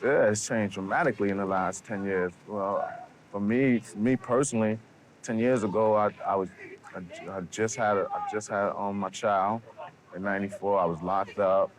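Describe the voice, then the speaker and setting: A lower-voiced man speaks in a documentary interview. He talks haltingly, restarting and repeating words as he looks for them. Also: steady tone, a crowd in the background. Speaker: interviewee, local resident.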